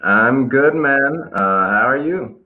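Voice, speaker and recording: Over tinny phone-line audio with slight background noise, a young Israeli man with an American-tinged accent speaks slowly in a mid-range voice. As a guest skateboarder being interviewed, he stays relaxed and hesitant, with many fillers and false starts.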